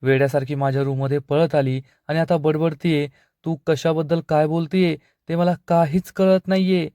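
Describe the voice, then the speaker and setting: A man's voice: a little high, fairly even intonation, normal speed, warm tone, smooth, no echo, natural voice. A man reading the lines of a middle-aged father mocking his daughter with contempt. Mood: scornful.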